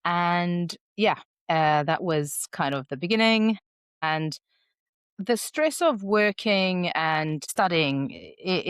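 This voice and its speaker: A woman with a low, grounded voice talks through a solo podcast episode. Her delivery is candid and reflective, like an easy conversation. The recording is dry and close, with no room sound. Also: smooth, no room sound. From South Africa. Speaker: podcast host.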